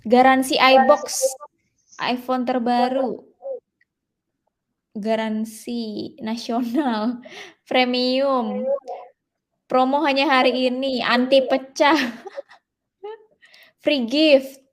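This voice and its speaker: A woman's voice: high voice, steady tone, very slow, pauses often. A woman in a live online class, reading out ad ideas hesitantly with fillers.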